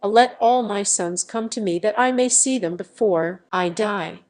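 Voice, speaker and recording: A woman's voice: medium pitch, a little slow, a little mellow, close to an everyday voice. A woman voicing an aged, dying first father who speaks solemnly in archaic words. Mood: pained. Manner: solemn, pained, archaic speech.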